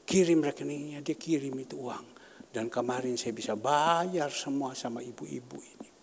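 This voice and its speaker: A man preaching a sermon as pastor, swinging between loud bursts and quiet asides. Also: mid-range voice, normal speed, creaky, a little hiss or hum. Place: church hall. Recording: church hall reverb, faint ambience.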